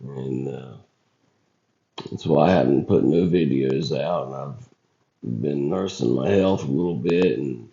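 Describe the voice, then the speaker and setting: Hoarse and still recovering from being ill, this man hosts a video channel and comments casually on footage. His rough, scratchy voice has an extremely low pitch and a warm tone, and his delivery is folksy, halting and colloquial, on a dull lo-fi recording.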